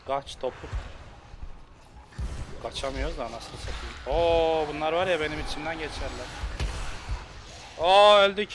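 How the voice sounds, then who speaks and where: A man giving let's play commentary as a gaming streamer, cursing and yelling at enemies. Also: medium pitch, moderate pace, pauses often, a little hiss or hum. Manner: swears and yells at enemies.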